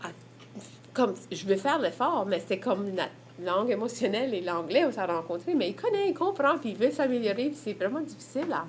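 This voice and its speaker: In a very animated, brisk mid-range voice over slight background noise, an Acadian French–accented woman from Évangeline, Prince Edward Island, shares her testimony as a mother. She speaks openly and searchingly about family and language.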